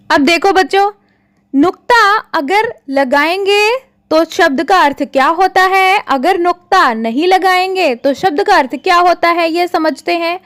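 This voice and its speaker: Female teacher, children's lesson, very high pitch, unhurried and patient, dry close sound. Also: fairly bright tone, no room sound. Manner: patient, addresses the children often, stretches out example words. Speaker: Hindi teacher.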